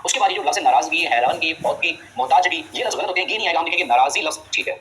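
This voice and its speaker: A male teacher, giving a quick exam-prep spelling lesson, repeating rules and reminding students to remember them. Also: on the high side, lively intonation, fairly bright tone, low-quality recording. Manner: quick, drilling explanations with frequent reminders.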